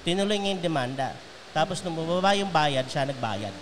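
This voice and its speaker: A man's voice: on the high side, lively intonation, a little fast, background noise. Man explaining with many examples. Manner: explains by examples and checks in with "okay?". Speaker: pastor. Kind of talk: casual chat.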